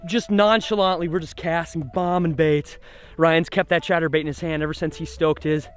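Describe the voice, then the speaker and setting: A young man vlogging about his fishing trip outdoors, talking casually and excitedly into a camera held at arm's length. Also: a little high, moderate pace. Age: young adult. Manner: excited, chatty, lots of "like" and "literally". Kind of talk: casual vlog narration. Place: outdoors on a boat on a lake. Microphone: action camera at arm's length.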